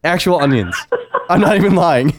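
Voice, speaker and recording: Jokey, excitable male podcast host. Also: a little high, moderate pace, a little hiss or hum. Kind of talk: casual chat.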